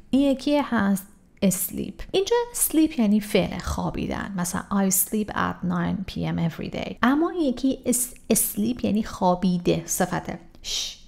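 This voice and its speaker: Gravelly-voiced woman teaching English words. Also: medium pitch, a little mellow. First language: Persian. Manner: explains words, then reads English examples slowly and repeats them. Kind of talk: vocabulary lesson.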